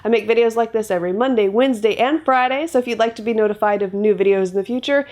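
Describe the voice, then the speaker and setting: A young beauty vlogger, sounding nasal from a cold, gives an upbeat, chatty makeup tutorial and product demonstration on her indoor home filming set. Her voice is fairly high and a little mellow, and she talks at a quick pace.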